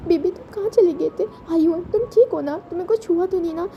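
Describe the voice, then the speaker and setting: A woman's voice: very high voice, brisk, warm tone, lo-fi sound, slight background noise, voice pushed up. A woman voicing a distressed young man who pleads tearfully with a child he raised. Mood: tearful, pleading. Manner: pleading, emotional.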